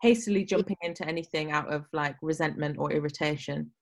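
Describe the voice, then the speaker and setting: A woman's voice: low voice, steady tone, quick pace, vocal fry. Chatty woman co-hosting. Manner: chatty, laughs often, reads listener letters. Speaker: advice podcast co-host. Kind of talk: casual chat.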